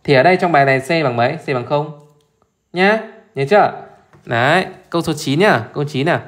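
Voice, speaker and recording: A man's voice: on the high side, fairly quick, a bit bright. A man teaching math as he walks through an exam live, chatty and informal, constantly repeating short check-in questions to his listeners. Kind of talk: live exam solution walkthrough.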